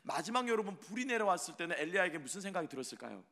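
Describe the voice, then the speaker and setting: A male pastor giving a Sunday sermon in a church. He swings between loud, impassioned preaching and hushed, near-whispered lines, and he puts rhetorical questions to the congregation. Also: sits high, very animated, very fast, vocal fry, big-room sound. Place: church sanctuary.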